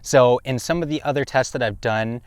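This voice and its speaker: Heavy wind roars through this outdoor recording, captured on an action camera's built-in microphone atop a windy hill. The host of a review video explains his camera test in an informal, explanatory way, his medium-pitched voice clean, a bit fast and free of echo.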